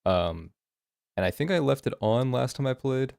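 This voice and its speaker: A man's voice: mid-range voice, expressive, normal speed, creaky, a little mellow, dry recording, studio quality. A man with an American West Coast accent giving casual, unscripted gameplay commentary, thinking aloud in a hesitant, rambling way. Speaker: gaming host doing a playthrough.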